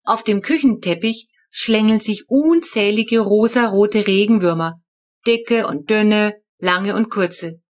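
A woman reading a children's storybook aloud, telling the story in a lively first-person voice. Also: mid-range voice, slow. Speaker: audiobook reader.

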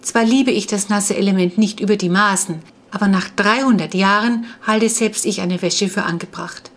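A woman's voice: medium pitch, fairly even intonation, moderate pace, fairly bright tone, close to an everyday voice. A woman reading the part of a polite vampire boy who slept for centuries, speaking in a courtly, archaic, wondering manner.

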